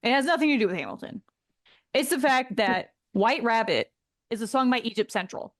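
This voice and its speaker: A woman's voice: on the high side, lively intonation, a little fast, no room sound. Giggly woman podcast co-host, dry sound. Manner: giggly, laughs often while talking. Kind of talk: casual chat.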